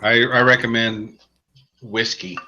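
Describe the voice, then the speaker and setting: A man's voice: mid-range voice, level tone, slow pace, bright, forceful tone. A man co-hosting a casual podcast, explaining board games and trading dry jokes. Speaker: podcast co-host. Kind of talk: casual podcast chat and game review. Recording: dull lo-fi podcast audio.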